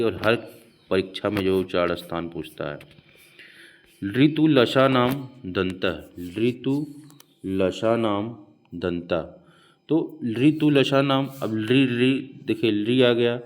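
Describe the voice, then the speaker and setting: A male teacher explaining Hindi grammar for an exam, slowly repeating each rule and its mnemonic for his students. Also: fairly low pitch. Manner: slow, repeats mnemonics aloud. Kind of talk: exam prep lecture.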